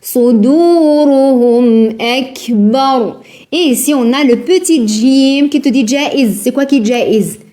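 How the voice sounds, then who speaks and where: A woman with a high, bright-pitched voice leads a recitation lesson, speaking in a slow, measured way. She patiently repeats words and syllables for her students. She checks their understanding with frequent questions. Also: expressive. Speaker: Quran recitation teacher. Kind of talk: live online tajwid lesson.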